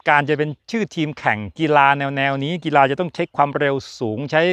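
Chatty man with a smooth dry voice. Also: a little high, fairly bright tone, dry recording. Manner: chatty, jokey, rambling with fillers. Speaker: F1 channel host. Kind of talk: casual chat to camera.

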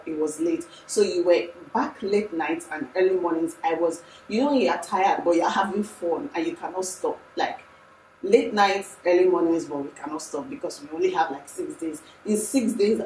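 A woman's voice: on the low side, reverberant, distant mic, slight background noise, rough recording. Chatty Nigerian woman vlogging to camera. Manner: chatty, animated, emphatic. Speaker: lifestyle vlogger. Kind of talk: casual talk to camera. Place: room indoors.

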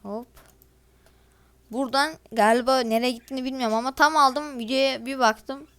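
A teenage girl with a fairly high voice chats her way through a game. She grumbles and sounds exasperated as she speaks straight to her viewers. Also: steady tone, normal speed, a bit bright, clear, resonant tone. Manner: chatty, grumbling and exasperated, addresses viewers directly. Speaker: gaming video creator. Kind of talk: casual gameplay commentary.

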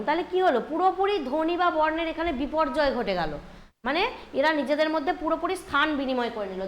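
A woman's voice: high-pitched, a little hiss or hum. A woman teaching a grammar lesson, explaining step by step and checking in with students. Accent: Bengali. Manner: explains step by step, often asks "ঠিক আছে?".

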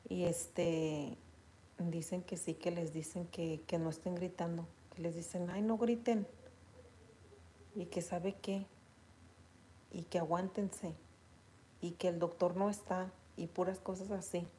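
A woman with a Mexican accent chatting casually with her viewers, retelling stories in an animated way and reading their comments aloud. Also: fairly low pitch, measured pace, a little hiss or hum.

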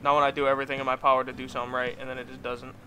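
A young man streaming a hockey game with friends, yelling at the game, swearing and laughing as he plays. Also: medium pitch, monotone, rapid-fire, a little hiss or hum. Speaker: gaming streamer. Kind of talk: excited gameplay chat.

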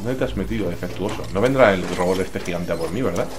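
A man's voice: low voice, fast talker, noisy background. A man with a Spain accent giving casual, slangy, exclamatory let's play commentary. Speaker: gamer, let's play host. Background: game music.

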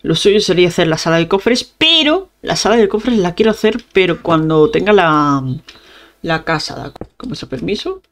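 A woman's voice: fairly low pitch, lively intonation, normal speed. A young woman hosting a gaming channel, chatting casually to her viewers as she plays and humming little sound effects. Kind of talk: casual gameplay commentary.

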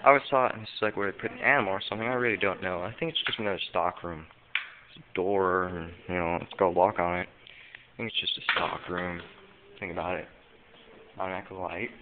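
A man casually narrating a walkthrough of a dark empty store, hesitant and full of ums, easily spooked. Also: sits low. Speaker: vlogger exploring an abandoned store. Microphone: handheld camera mic. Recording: tinny lo-fi camera audio with faint hiss.

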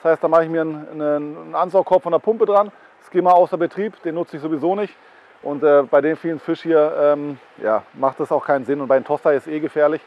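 A man's voice: on the high side, fairly even intonation, phone-quality sound. A man explains his pond setup in casual chat, with frequent fillers. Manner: quick, with fillers like äh and ähm. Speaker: pond owner. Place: outdoors at a koi pond.

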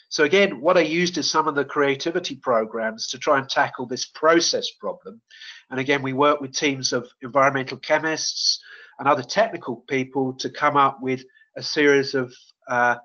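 A man's voice: mid-range voice, bright, forceful tone. Hesitant man presenting on a muffled line. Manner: hesitant, many fillers and restarts. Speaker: webinar presenter. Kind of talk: webinar presentation and Q&A. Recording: dull lo-fi webinar audio.

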